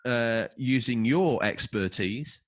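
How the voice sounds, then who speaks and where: A man speaking slowly in a mid-range voice co-hosts a relaxed podcast and reads through a film synopsis. His delivery is playful and emphatic, full of asides, and he fumbles over some of the names.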